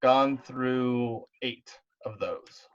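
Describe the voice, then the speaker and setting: A man running a tabletop game over an online call, narrating slowly in a laid-back, thinking-aloud way. His voice sits at an ordinary middle pitch. It comes through muffled, lo-fi call audio. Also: smooth. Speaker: game master.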